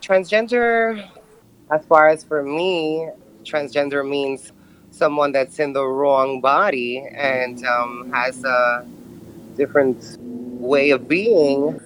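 A podcast guest in their early thirties with a male-sounding, medium-pitched voice. They are from Brooklyn and answer personal questions reflectively, with halting phrasing. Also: fairly bright tone, a little hiss or hum, poor audio. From Brooklyn, New York. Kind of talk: personal interview.

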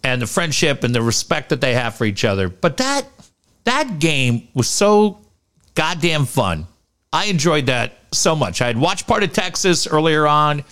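Man, packed-nose congested sound, higher-pitched voice, animated intonation, casual slangy sports talk host. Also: normal speed, smooth. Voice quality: congested, stuffed-up nose from packing. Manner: casual, rambling, slangy and profane.

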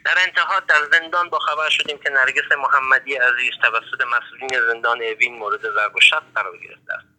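A man's voice: mid-range voice, steady tone, bright, forceful tone. A man with an Iranian accent delivers a prepared political statement as a formal, oratorical voice message over a telephone line. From Iran. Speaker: political prisoner, party secretary-general. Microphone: telephone handset. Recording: harsh, thin prison telephone line.

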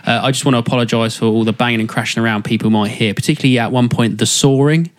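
A man hosting a football podcast in a relaxed, chatty way. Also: mid-range voice, very fast. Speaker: podcast host. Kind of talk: casual podcast chat.

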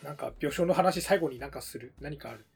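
A man's voice: fairly high pitch, a little fast, gravelly, music in the background. A man co-hosting a podcast in casual chat with a friend. He is chatty and often laughs while he talks. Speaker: podcast co-host. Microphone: remote recording.

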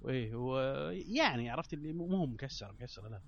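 A man chatting casually as a panelist, halting and repeating himself insistently. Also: medium pitch, animated, creaky, muffled recording, a crowd in the background. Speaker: panelist on a film discussion show. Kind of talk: casual chat.

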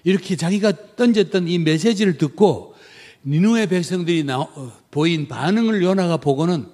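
A man's voice: high-pitched, moderate pace, darkish tone. A middle-aged man who is a missionary, preaching a sermon emphatically and asking the congregation rhetorical questions.

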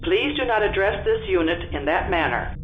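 A man voicing a calm starship computer that answers in a flat, even, terse and polite but prickly manner. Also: high-pitched, normal speed, narrow, tinny audio, a little hiss or hum, pitched above the performer's own voice. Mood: prim. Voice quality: flat, even machine-like delivery. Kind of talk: one-man audio story reading.

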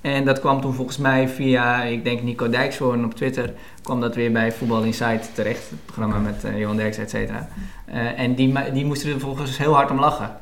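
A man's voice: mid-range voice, level tone. A man hosting the conversation and asking questions. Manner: fast-talking, questioning. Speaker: host, interviewer. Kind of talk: interview questions.

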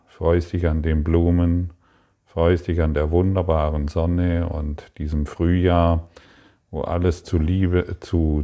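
A man giving a spoken spiritual lesson, calm and repetitive, addressing the listener directly. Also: low voice. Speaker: spiritual teacher.

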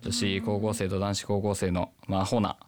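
A man's voice: deep voice, flat delivery, normal speed. A man from Nagano with a put-on Kansai accent, chatting casually as the scriptwriter and joking at his own expense. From Nagano, Japan. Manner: joking, self-deprecating. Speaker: scriptwriter of a radio drama. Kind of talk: casual panel chat.

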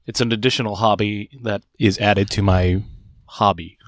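A man's voice: on the low side, fairly even intonation, a little slow, dry recording, studio quality. A man running a tabletop game as game master, narrating scenes and laughing easily.

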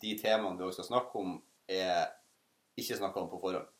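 A man with a North Norwegian accent and a lowish voice. He co-hosts a podcast in loose, casual chat, musing playfully as he goes. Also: steady tone. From Northern Norway. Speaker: podcast co-host.

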